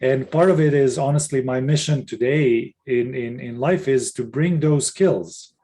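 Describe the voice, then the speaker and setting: Middle-aged Serbian-born man, mellow voice, earnest webinar panelist, video call. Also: medium pitch, measured pace. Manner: earnest, with frequent restarts and fillers. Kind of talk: casual webinar talk.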